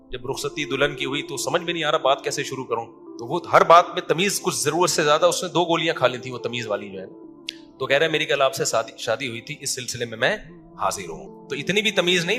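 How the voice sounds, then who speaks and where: A male preacher delivers a lively sermon, acting out voices in his anecdotes. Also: on the high side, soft background music.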